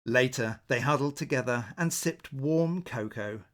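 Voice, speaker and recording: A man reads a children's picture book aloud at a slow, unhurried pace. His delivery is gentle and measured, like bedtime narration. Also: mid-range voice. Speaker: storybook narrator.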